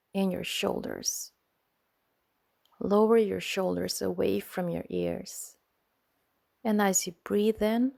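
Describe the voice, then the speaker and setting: Gently and soothingly, a woman with a medium-pitched, gravelly voice leads a guided meditation for sleep, speaking in brief phrases with slow, relaxed pauses between them.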